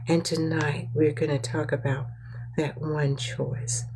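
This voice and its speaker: A woman's voice: low voice, level tone, slow pace, noisy background. A woman hosting a live-streamed motivational talk, congested and stuffy-nosed, who repeats her phrases and coaxes her audience to respond. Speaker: livestream host.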